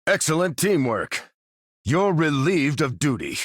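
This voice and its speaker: An actor with an American accent playing a dutiful, resolute soldier who commands a superhero team in a video game, firm and plain-spoken. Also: male voice, on the high side, big pitch swings, unhurried, dry recording, clean studio sound. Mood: urgent, commanding. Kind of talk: video game character voice lines.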